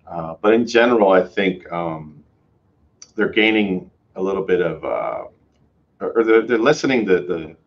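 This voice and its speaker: Guy with a really low voice hosting a tech stream, rambly, lots of uhs, kinda dull lo-fi sound. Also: expressive, moderate pace. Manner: rambling, many fillers and restarts. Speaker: host, developer advocate. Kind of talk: casual livestream chat.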